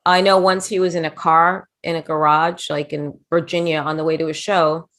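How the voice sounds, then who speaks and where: Brief: woman, middle-aged, low-pitched, animated storyteller, interview guest. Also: moderate pace. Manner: chatty, animated anecdotes with quoted voices. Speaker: interview guest, former wrestling manager.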